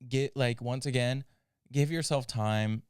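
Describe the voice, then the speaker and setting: A man in his twenties co-hosting a podcast, chatting casually with many fillers and gently reassuring listeners. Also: medium pitch, unhurried, smooth, no room sound, studio quality. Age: 20s. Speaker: podcast co-host. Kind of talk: casual chat.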